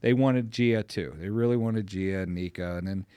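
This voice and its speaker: Low-voiced middle-aged Pittsburgh-area dad. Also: male voice, normal speed, clean tone, no room sound. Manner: animated anecdote teller, voice jumps up when amused. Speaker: podcast guest. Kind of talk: casual storytelling chat.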